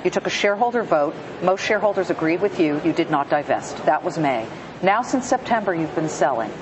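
A woman interviewing a guest with brisk, pointed follow-up questions. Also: lowish voice, lively intonation, noisy background. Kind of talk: news interview.

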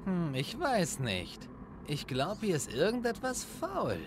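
An actor playing a young, hot-headed, sceptical furry alien hero in a video game, brash and sarcastic. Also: male voice, high-pitched, huge pitch swings, takes it slowly, noisy background, heavily acted. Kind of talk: German video game dub acting.

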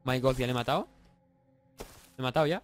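A young Spanish gaming YouTuber with a Spanish accent gives casual let's-play commentary at a quick pace in a medium-pitched voice, with music in the background. He is excitable, jokes and swears, bursts into yells, and sounds a little congested from a sore throat.

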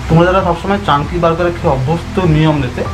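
Fast-talking man chewing, music behind. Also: a little high, rough recording. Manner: chatty, enthusiastic, addresses viewers directly. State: mouth partly full, chewing. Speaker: food vlogger. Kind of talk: casual food review vlog. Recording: music playing underneath.

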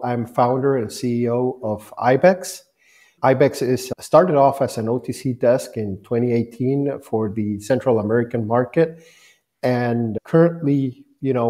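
A man in his forties from Guatemala, a company founder speaking as a guest on a video call with an earphone mic, telling his story in a relaxed way with plenty of fillers. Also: mid-range voice. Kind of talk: conversational interview answers. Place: bright office room, indoors.

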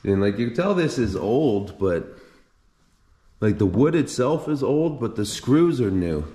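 An urban explorer vlogger walks through an empty abandoned house with a handheld camera, thinking aloud in casual narration. His voice is mellow and medium-pitched, unhurried, with big swings in pitch. The rooms echo and a faint hiss sits under the recording.

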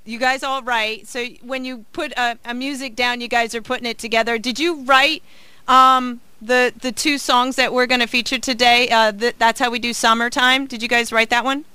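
A woman's voice: fairly high pitch, fairly even intonation, normal speed, bright, forceful tone, clear, resonant tone, dry recording. A woman hosting a casual radio interview, chatty and upbeat, with plenty of filler words. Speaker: radio host. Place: radio studio.

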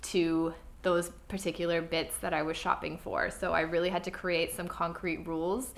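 Speaking at normal speed with a fairly low pitch and flat delivery, a young style vlogger talks casually to camera in her home, where a clothing rack stands. She's earnest and chatty with many fillers, and a cold leaves her slightly congested.

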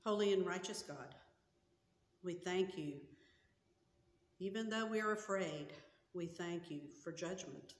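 Slow, earnest woman pastor in an echoey church. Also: on the low side. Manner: slow, earnest and measured, with gestures. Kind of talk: sermon and prayer. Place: small church sanctuary with a cross on the wall. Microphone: camera in front at chest height. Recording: echoey church hall with long reverb.

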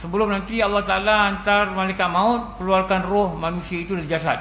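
High-voiced Malaysian preacher in echoey hall. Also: male voice, level tone, fairly quick, fairly bright tone. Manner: conversational preaching with rhetorical questions and quoted dialogue. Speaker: religious teacher. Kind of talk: evening mosque lecture. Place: prayer hall. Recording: echoey prayer hall, faint noise.

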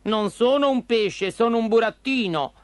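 A man's voice: very high voice, lively intonation, normal speed, dry recording, pitched above the performer's own voice. A man voicing a wooden puppet boy in a children's story, nervous and earnest. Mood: anxious.

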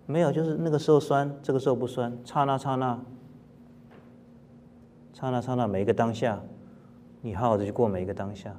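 Calm male Buddhist teacher giving a talk. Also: medium pitch, fairly quick, pauses often, slight background noise. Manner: calm, plain-spoken, with rhetorical questions and soft throat-clearing. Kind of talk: dharma lecture.

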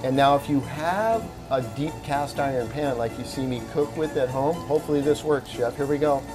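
A man's voice: mid-range voice, moderate pace. A middle-aged man hosting a TV cooking segment in a restaurant kitchen, chatty and joking. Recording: background music under the talk.

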